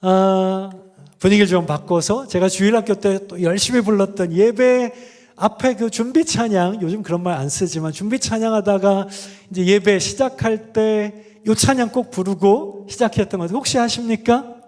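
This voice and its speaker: A man gives a conversational sermon as a guest professor, often turning to the congregation with questions. His voice sits high for a man. The sound carries a long reverb from the church sanctuary. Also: moderate pace, darkish tone. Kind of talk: sermon with sung examples.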